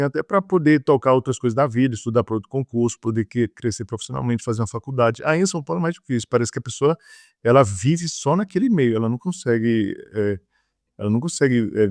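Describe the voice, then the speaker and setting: A man's voice: mid-range voice, a little mellow, no echo, clean studio sound. A man from Bahia, answering interview questions with many fillers and repeated words. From Bahia, Brazil. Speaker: guest. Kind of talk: conversational interview.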